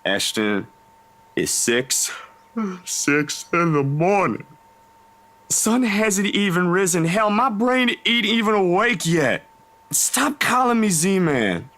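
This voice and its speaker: A man voicing a drowsy young man woken too early, talking in a plain, rough everyday way. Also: high voice, big pitch swings, slow pace, fairly bright tone, exaggerated voice. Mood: grumpy. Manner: drowsy, grumbling, then earnest. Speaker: character dialogue in a visual novel voice dub.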